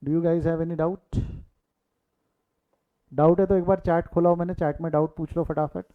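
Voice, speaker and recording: This accounting teacher's voice sits on the high side, with a steady tone and a slightly slow pace. Teaching live online, he drops in English terms, says the important numbers more than once, and presses students to answer in the chat, all over thin, phone-like audio.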